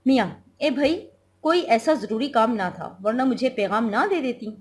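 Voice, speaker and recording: Cranky sick husband read by a woman teacher, complaining and peevish, a bit higher and louder than her usual. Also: expressive, normal speed, lightly acted. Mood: irritable. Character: sick, irritable middle-aged husband.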